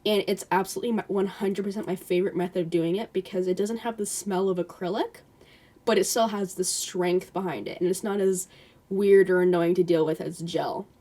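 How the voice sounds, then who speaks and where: A young woman giving a casual, chatty voice-over nail tutorial, with lots of fillers and a slightly hoarse voice. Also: fairly low pitch, fairly even intonation, brisk, warm tone. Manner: chatty, filler-heavy, self-deprecating.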